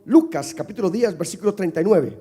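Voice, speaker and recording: A male pastor preaching from the pulpit, his voice sitting high for a man. He leads the congregation in call-and-response and climbs to shouted peaks. The sound rings with a long church-hall reverb. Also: animated, fast talker, husky. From Costa Rica. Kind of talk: sermon. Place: church sanctuary.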